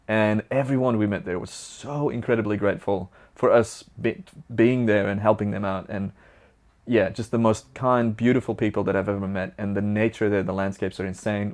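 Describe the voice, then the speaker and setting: With a lowish, somewhat mellow voice, a young vlogger from Belgium, a native Dutch speaker with a Flemish accent, rambles cheerfully and chattily while answering questions from viewers.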